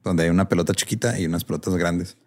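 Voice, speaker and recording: Deep-voiced fast-talking Mexican guy. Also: steady tone, darkish tone. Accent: Mexican Spanish. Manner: quick, slangy, joking. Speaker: podcast co-host. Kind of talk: casual chat.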